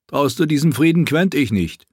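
A man's voice: fairly high pitch, expressive, moderate pace, darkish tone, breathy edge, dry recording, clean studio sound, voice pushed up. A man voicing a wry young male sellsword companion in an audiobook, teasing and blunt in a raised voice. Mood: mocking, urgent. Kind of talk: audiobook character voice.

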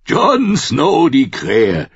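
Male reader doing a jovial, booming wildling brute, husky and lively, dull dry audiobook sound. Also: drawn-out words, no echo, heavily acted. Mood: roaring jovial. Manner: booming, laughing, mocking. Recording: muffled lo-fi recording.

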